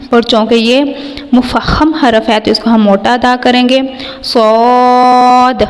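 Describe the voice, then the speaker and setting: A woman with a Pakistani Urdu accent gives a patient tajweed lesson with a fairly high voice. She pronounces each letter slowly and at length, then explains it in an even, level tone. The voice carries a long reverb, as in a hall. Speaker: Quran reading teacher. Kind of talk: slow instructional tajweed lesson.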